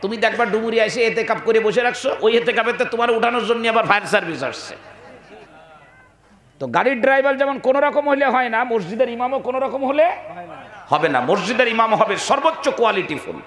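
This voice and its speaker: High-pitched preacher in an echoey hall. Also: male voice, expressive, fairly quick, a bit bright. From Bangladesh. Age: 40s. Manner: folksy storytelling with acted dialogue and rhetorical questions. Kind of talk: sermon.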